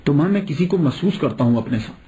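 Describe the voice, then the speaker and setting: Preacher doing a young guy pleading with his mom, earnest, a bit higher voice. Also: lively intonation, warm tone, lightly acted. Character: earnest young man confiding in his mother.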